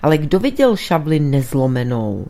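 A woman reading a calm, insistent priest detective. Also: low-pitched. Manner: earnest, pressing explanations.

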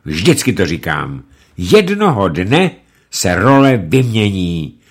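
A man voicing an arrogant, furious older male leader, loud and scornful. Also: low voice, big pitch swings, slightly rough, heavily acted. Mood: angry scorn.

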